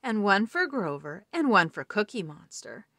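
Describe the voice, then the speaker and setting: A cheerful, friendly woman nurse from a storybook, voiced by a woman reader. Her lines bounce with lively pitch, and the sound is close and dry. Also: normal speed, no room sound, full character voice.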